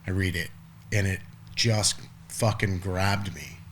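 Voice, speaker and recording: A podcast guest in his forties talks casually and ramblingly, restarting often and letting the odd swear word slip. His voice sits low and steady, a bit bright, with a slow pace and slight background noise.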